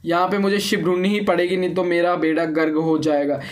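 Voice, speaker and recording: A young man giving casual let's-play commentary on a block-building game, chatty and excitable, often repeating words in rapid bursts. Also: high voice. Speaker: gaming YouTuber.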